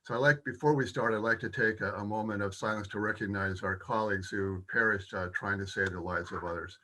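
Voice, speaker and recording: Male moderator, low register with a crisp bright edge, solemn formal opening remarks. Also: fairly even intonation, fairly quick, low-quality recording. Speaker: panel moderator.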